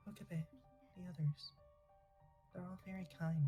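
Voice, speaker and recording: A woman plays a bashful young woman from a visual novel. She is soft-spoken and hesitant, answering briefly and gently over faint music. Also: lowish voice, normal speed, natural voice. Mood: bashful, gentle. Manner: hesitant, quiet, brief replies. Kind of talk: amateur visual novel voice acting.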